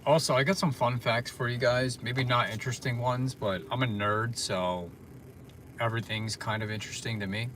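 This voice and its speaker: A man's voice: medium pitch, fairly even intonation, moderate pace, fairly bright tone. Tired guy rambling on a stream, sitting in his parked car, says like a lot, bit of car hum. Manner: rambling, frequent "like" fillers. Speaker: vlogger. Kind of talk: casual livestream chat.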